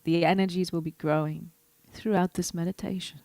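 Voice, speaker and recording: A woman leading a guided meditation in a measured, soothing way, with breathy ends to her phrases. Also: on the low side, steady tone, mellow, dry recording.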